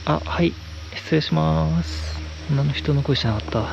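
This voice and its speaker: A man vlogging a night ghost hunt on a mountain, muttering in a hushed, nervous way into a handheld camera, outdoors in the rain. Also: a little high, measured pace, gravelly, highs cut off, music in the background. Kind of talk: ghost-hunting vlog commentary. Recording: noisy outdoor night recording.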